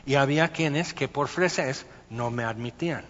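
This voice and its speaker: A man, a pastor preaching a sermon and telling stories with lively, acted-out voices. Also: mid-range voice, normal speed. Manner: animated storytelling, acting out voices. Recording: muffled sound with long hall reverb.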